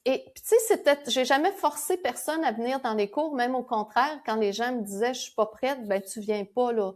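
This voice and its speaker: Woman, Québécois accent, fairly high voice, lively, explains with stories, podcast guest. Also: fairly quick. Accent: Québécois French. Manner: animated storyteller, laughs while explaining. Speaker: guest, founder of a spiritual school. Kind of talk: conversational podcast interview.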